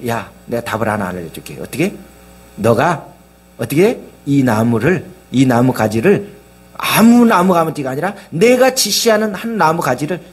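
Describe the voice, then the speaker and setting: A man's voice: sits high, fairly bright tone, breathy edge. A male pastor preaching a sermon, asking the congregation question after question.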